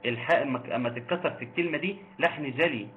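A man with an Egyptian accent teaching Quran recitation, quizzing listeners and slowly chanting verses. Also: medium pitch. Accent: Egyptian Arabic. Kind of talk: online tajweed lesson. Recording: tinny phone-like line with faint noise.

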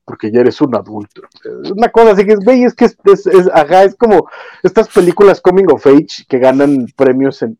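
Mellow-voiced Mexican man, rambling chat. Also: mid-range voice, no echo, lo-fi sound. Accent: Mexican Spanish. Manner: rambling, many restarts and slang. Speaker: podcast co-host. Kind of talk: casual chat.

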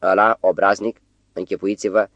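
A man's voice: sits low, level tone, fairly bright tone, no echo, dull audio. A tearful frantic secretary, as a man reads her. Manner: sobbing, pleading.

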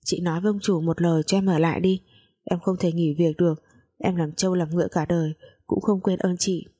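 A woman's voice: lowish voice, fairly even intonation, a little fast, warm tone, slightly rough. A woman voicing a young female maid who begs tearfully in a spoken story. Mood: pleading. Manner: begging, tearful.

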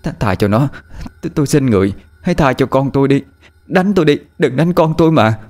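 A man's voice: medium pitch, expressive, quick pace, darkish tone, soft background music, pitched above the performer's own voice, close to an everyday voice. A man voicing a desperate young stepmother who cries out and pleads for her child, in a spoken horror story. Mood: pleading. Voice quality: frantic, pleading.

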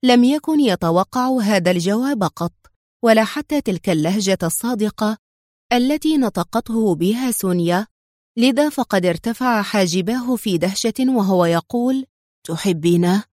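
A woman reading a story aloud in measured scripted narration. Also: medium pitch, animated, darkish tone, no room sound, clean studio sound. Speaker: audiobook narrator.

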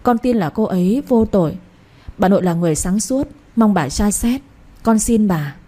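A woman's voice: medium pitch, animated, moderate pace, warm tone, close to an everyday voice. A woman voicing a trembling young husband. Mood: imploring. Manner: trembling, imploring. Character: young husband, anxious and pleading for his wife.

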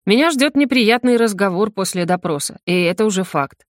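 A woman narrating a first-person audiobook in a steady reading voice. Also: mid-range voice, a little fast, no echo, studio quality.

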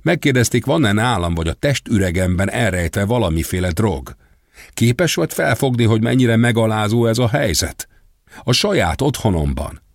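A man voicing a betrayed woman, shouting and cursing bitterly down the phone. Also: low voice, expressive, husky, no echo, clean studio sound. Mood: furious.

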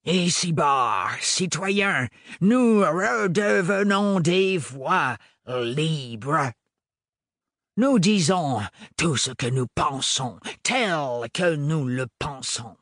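Man voicing a defiant rebel orator, booming, very slow, lively pitch, dry audiobook sound. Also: no echo, exaggerated voice. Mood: rousing. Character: fiery male rebel leader, small but thundering. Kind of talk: audiobook reading.

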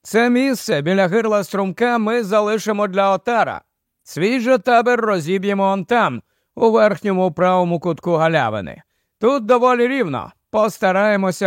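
A man doing a brisk commanding leader. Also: sits high, no room sound, clean studio sound. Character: brisk take-charge male expedition leader.

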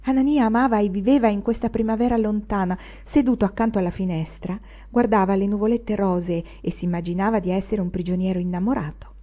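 Brief: a woman narrating a classic novel, expressive, mellow tone, dull recording. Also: mid-range voice. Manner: measured, expressive reading. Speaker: audiobook reader. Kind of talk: literary audiobook narration.

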